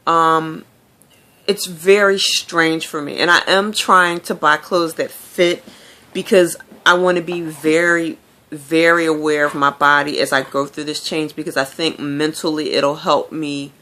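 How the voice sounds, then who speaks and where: Speaking a little slowly in a low-pitched voice that is steady, bright, and forceful, a vlogger talks openly to her audience in a casual video diary. She tells her stories in a chatty way, sprinkled with plenty of fillers.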